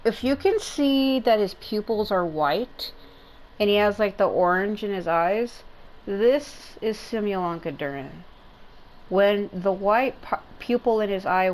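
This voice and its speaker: Here a woman of medium pitch gives loose, rambling gameplay commentary, repeatedly rephrasing what she says. She's a gaming content creator; the rough recording has slight background noise and video game music.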